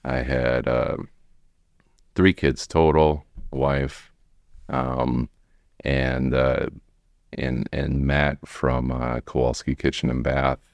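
American guy in his 40s, super deep voice, chatting casually, kinda halting and wandering, really dry sound. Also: little pitch movement, gravelly, no echo. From United States, Wisconsin. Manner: rambling, halting, frequent "you know". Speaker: podcast guest, remodeling tradesman. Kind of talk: casual interview storytelling.

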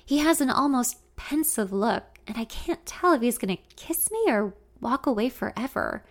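Young woman, expressive first-person narrator, slightly high voice. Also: moderate pace. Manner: intimate, expressive.

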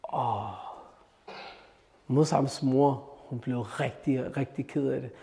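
A man preaching and telling a religious story, animated and questioning his listeners. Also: mid-range voice, vocal fry. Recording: reverberant hall.

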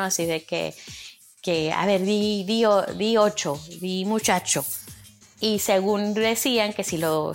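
A young woman from Chihuahua, rambling casually as a podcast host and acting out quoted speech. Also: on the low side. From Chihuahua, Mexico. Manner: rambling, many fillers, acts out quotes. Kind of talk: casual monologue.

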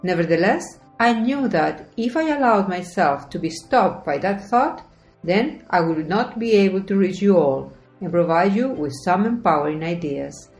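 A non-native English-speaking woman delivers an earnest, encouraging motivational talk, her pitch rising and falling in a lively way. Her voice sits in a roomy space, with soft music under it. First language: not English. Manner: earnest, encouraging, reads from a script. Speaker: podcast host, life coach. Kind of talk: scripted motivational monologue.

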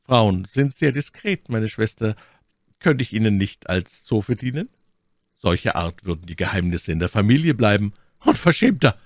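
Brief: sardonic aristocrat, read by a male narrator, dry close sound, calm menace. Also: fairly low pitch, no echo. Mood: mocking. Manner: coolly sarcastic, measured threats. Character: cold, mocking English lord, calm and menacing. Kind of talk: audiobook character reading.

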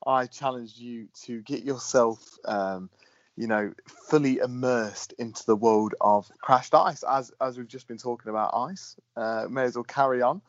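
A man's voice: mid-range voice, a little slow, dry recording. A man co-hosting a podcast in casual chat, chatty and laughing often. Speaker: podcast co-host. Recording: slightly dull, dry recording.

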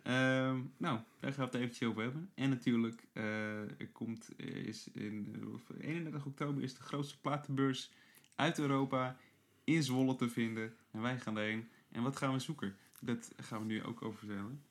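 A man's voice: mid-range voice, steady tone, moderate pace. A man co-hosting a podcast in informal, casual chat, often repeating his phrases. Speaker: podcast co-host.

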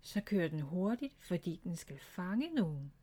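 A woman's voice: fairly low pitch, very animated, warm tone. A woman voicing a sleepy, forgetful little boy animal in a storybook, talking in a drowsy, wondering way.

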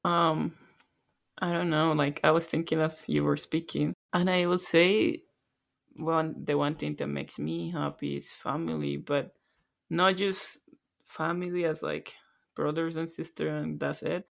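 A woman from Colombia co-hosts a casual podcast, speaking softly and reflectively with a self-deprecating touch. Her delivery stays flat and even, and her voice has a gravelly fry. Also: low-pitched, measured pace. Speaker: podcast co-host.

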